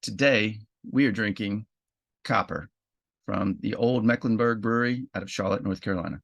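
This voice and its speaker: A man's voice: on the low side, moderate pace, creaky, a bit bright, muffled recording. A man co-hosting a casual beer review show, chatting and explaining the beer style. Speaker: co-host.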